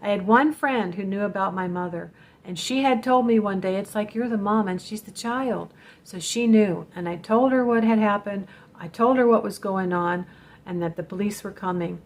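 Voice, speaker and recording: A woman's voice: mid-range voice, normal speed. A woman hosting a vlog, telling a personal story in an earnest, direct way and warning her viewers. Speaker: spiritual channel host telling a personal story.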